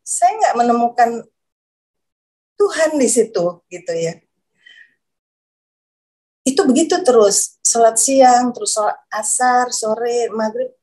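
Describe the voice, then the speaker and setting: A woman's voice: on the high side, expressive, slow, long pauses, mellow. A woman giving a personal testimony in a casual, hesitant way, repeating herself and searching for words, growing emotional as she speaks. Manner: emotional, voice rises when moved. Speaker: guest giving a conversion testimony.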